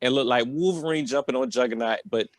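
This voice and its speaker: Speaking at a quick pace in a medium-pitched voice, an American man tells a loose, rambling personal story full of slang and trailing filler phrases. It's casual comedic storytelling, recorded with no room sound.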